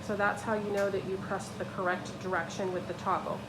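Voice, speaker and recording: A woman's voice: medium pitch, little pitch movement, brisk, noisy background. Woman patiently demonstrating a kiln. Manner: patient, plain instructional. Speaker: instructor. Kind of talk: step-by-step demonstration. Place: kiln room. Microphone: phone held while filming.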